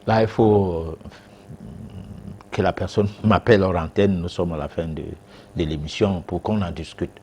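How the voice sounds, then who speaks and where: A man's voice: sits low, normal speed, dark tone, a little hiss or hum. A man, a guest expert on a TV talk show answering viewers' questions, hesitant with many fillers and restarts.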